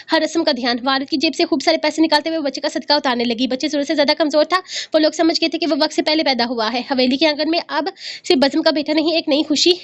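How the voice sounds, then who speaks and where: A woman narrating a serialized family novel in a brisk reading with occasional restarts. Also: sits high. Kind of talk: storybook narration. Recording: dull lo-fi recording.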